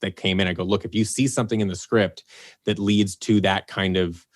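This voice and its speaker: In a relaxed podcast interview, a low-voiced man from the Los Angeles area, the producer and writer of an audio drama, talks briskly and rambles. He uses fillers and restarts often and gets animated whenever he quotes himself.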